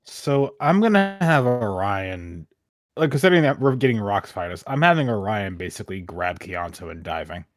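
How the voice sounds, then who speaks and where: Blunt, low-voiced male player. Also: very animated, normal speed, no echo, faint music behind. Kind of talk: casual tabletop play.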